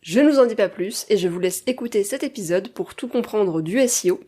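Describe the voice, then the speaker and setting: A woman hosts a podcast and chats with her guest in a friendly, explanatory tone, now and then breaking into a light laugh. Her voice sits at an ordinary middle pitch. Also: animated, a little fast, dark tone. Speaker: podcast host. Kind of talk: podcast interview.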